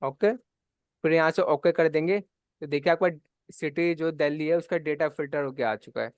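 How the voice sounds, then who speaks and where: A computer class instructor leads a live online spreadsheet lesson, patiently explaining each step and checking in often. His voice is on the high side, clear and resonant, with no echo.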